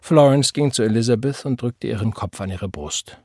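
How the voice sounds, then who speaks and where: A man narrating a novel as an audiobook, in a measured, even storytelling manner. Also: medium pitch, breathy edge, dry recording, studio quality. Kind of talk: scripted literary narration.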